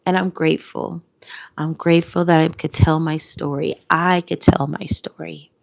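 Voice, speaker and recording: Woman, tearful, heartfelt vlog, low-pitched, gravelly fry. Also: level tone, normal speed. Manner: heartfelt, repeats phrases, drops to whispers. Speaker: content creator. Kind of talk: emotional reflective vlog.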